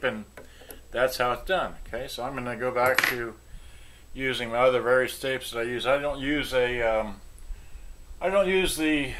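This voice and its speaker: A middle-aged repair hobbyist, filming a video at his cluttered home workbench, talks as he works in a loose, halting, unscripted way. His voice is medium-pitched and a bit bright. The camera mic picks him up from off-screen, and the home workshop audio is clearly noisy.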